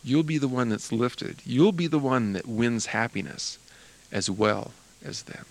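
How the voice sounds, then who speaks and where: An older man addresses music students in an earnest, encouraging talk. His voice sits at a middle pitch but swings up and down with lively emphasis. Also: a little slow, vocal fry, poor audio. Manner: earnest, encouraging, animated delivery. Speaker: music teacher.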